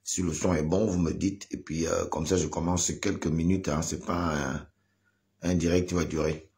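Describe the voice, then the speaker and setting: A man's voice: low voice, fairly even intonation, moderate pace, creaky, darkish tone. A man giving advice in a live video, hesitant with many fillers, growing emphatic. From Gabon. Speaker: online commentator giving advice.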